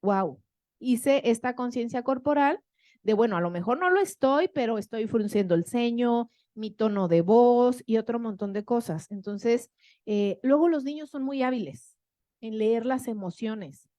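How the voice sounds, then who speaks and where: Higher-voiced Mexican woman lecturing casually. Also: animated, moderate pace, mellow, no echo, studio quality. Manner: chatty, tags sentences with rhetorical questions. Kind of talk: conversational lecture to an audience.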